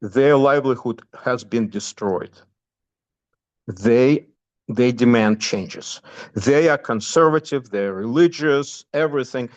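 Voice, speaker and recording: A man with a Russian accent giving a spoken update on current events, halting often with fillers and restarts. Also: medium pitch. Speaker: guest commentator.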